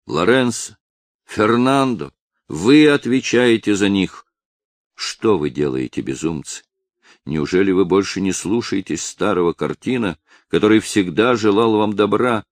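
A man reading aloud as an elderly village headman who begs and commands an angry crowd in turn, his voice raised and urgent. The underlying voice is low, and the audiobook recording is dry and close. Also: expressive, measured pace, no room sound. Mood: urging. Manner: loud impassioned pleading.

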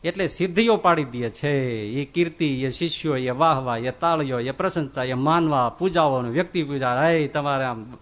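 A swami giving a religious discourse, telling stories in an animated way and acting out the voices of the figures. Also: male voice, on the high side, normal speed. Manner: animated storytelling, acts out quoted voices. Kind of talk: Gujarati religious sermon.

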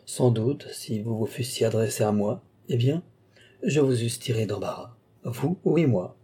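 A self-assured sorcerer count from a classic novel, voiced by a man reading the audiobook. He speaks calmly and persuasively, in a dark, husky tone that never loses its composure. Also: mid-range voice, unhurried.

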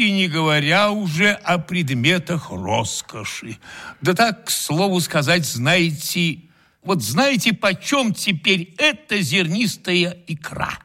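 Man doing a miserly host, forced politeness, bright, slow delivery. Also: fairly high pitch, heavily acted. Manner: fawning, strained courtesy. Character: stingy suffering male host, forced politeness. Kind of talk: humorous story reading.

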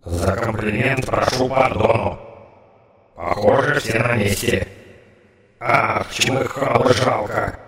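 A man's voice: medium pitch, takes it slowly, a bit bright, roomy sound, in a large hall. A man voicing a crude, foul-mouthed fellow with a nasal, bleating, goat-like voice in an audiobook. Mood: coarse mocking. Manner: coarse, mocking. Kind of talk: audiobook character voice.

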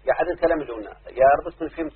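A man's voice: on the high side, racing, slightly rough. A man with an Egyptian Arabic accent teaching a grammar lesson, who keeps checking with his listeners through repeated questions. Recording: muffled phone-like audio.

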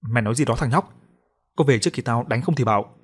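Man doing a gruff young village man. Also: medium pitch, quick pace, close to an everyday voice. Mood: angry. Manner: gruff, blunt.

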